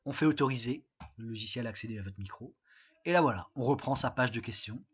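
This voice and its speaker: Husky-voiced man teaching a remote lesson. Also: mid-range voice, fast talker. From France. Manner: patient, step-by-step instructions with many fillers. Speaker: English teacher. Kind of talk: recorded remote lesson with screen walkthrough. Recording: dull lo-fi sound.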